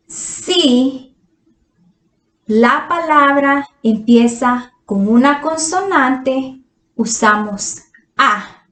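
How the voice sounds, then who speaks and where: A woman teaching English grammar to Spanish speakers, patient and drawn-out, asking her students quiz questions. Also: fairly high pitch. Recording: echoey room.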